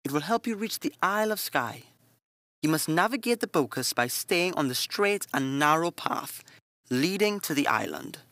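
A man's voice: on the high side, animated, moderate pace, no echo, pitched above the performer's own voice. Brief: earnest motherly nun, raised lighter tone, voiced by a male narrator. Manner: gentle, earnest counsel. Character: calm, devout middle-aged nun, motherly.

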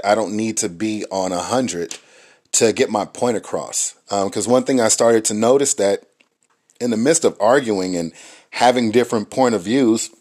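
A man's voice: on the low side, a little mellow. A man co-hosting a talk about marriage, speaking thoughtfully with frequent ums and restarts. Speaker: married co-host. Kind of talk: reflective casual talk.

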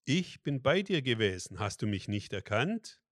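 A man giving a soft, gentle heavenly voice. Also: mid-range voice, moderate pace, no room sound, clean studio sound. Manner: soft, calm, sometimes whispered. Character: gentle divine voice speaking to a man.

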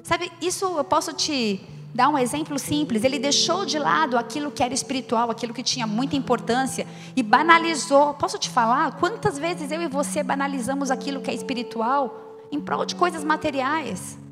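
A woman's voice: sits high, moderate pace. A woman in her forties preaching a sermon, earnest and often asking the listeners direct questions. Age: 40s. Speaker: pastor. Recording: long hall reverb with guitar music behind.

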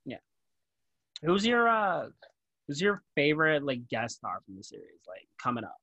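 A man's voice: on the high side, big pitch swings, moderate pace, sharp tone, no room sound. Casual man hosting a podcast. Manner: informal, self-deprecating, swearing. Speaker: podcast host. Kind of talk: casual chat.

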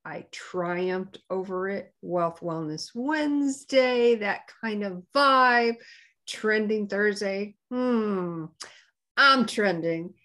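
A woman co-hosting a morning livestream, chatting casually in a reflective, halting way. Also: mid-range voice, a bit bright. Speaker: co-host of a sisters' morning livestream. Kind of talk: casual chat.

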